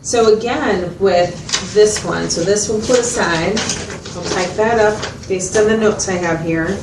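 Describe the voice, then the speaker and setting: A woman speaks a little slowly in a natural, mid-range voice as she plays a mental health clinician in a role-played consultation. Patient and methodical, she explains and uses questions to check understanding. The audio is distant, echoey, and recorded in a noisy room.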